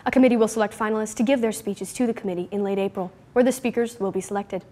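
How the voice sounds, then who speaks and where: A woman's voice: on the high side, darkish tone. A teenage girl anchoring a school morning show, reading announcements. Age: teens. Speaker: student news anchor. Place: school studio, indoors.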